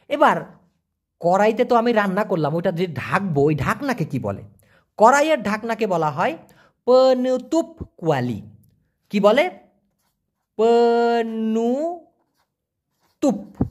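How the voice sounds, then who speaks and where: A man giving an online language lesson, answering viewer questions and slowly repeating foreign words for pronunciation. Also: sits high. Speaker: language teacher.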